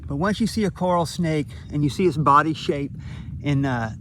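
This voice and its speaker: A man's voice: fairly high pitch, moderate pace, a bit bright. A man hosting a wildlife video outdoors, talking to the camera in an exclamatory, admiring, colloquial way. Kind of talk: outdoor vlog narration, talking to camera and animals. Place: outdoors by a rural road. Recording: clear outdoor background noise. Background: outdoor noise.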